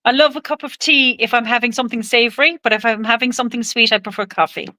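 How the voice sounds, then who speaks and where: A woman's voice: a little high, fast, sharp tone. A woman with a Cork Irish accent chatting casually as a guest in an interview. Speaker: podcast guest on men's health.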